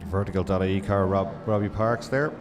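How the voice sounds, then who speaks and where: This is live racing commentary from a man with a low, steady voice who talks briskly. He keeps track of positions but often hesitates and corrects himself, while racing cars and track noise roar loudly behind him.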